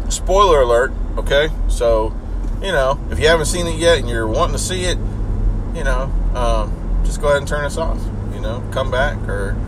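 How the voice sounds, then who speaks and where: Noticeable car and outdoor noise surrounds a man with a medium-pitched voice. He sounds a little congested. He chats casually as a host, in loose, folksy slang. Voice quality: slightly congested from allergies. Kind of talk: casual chat.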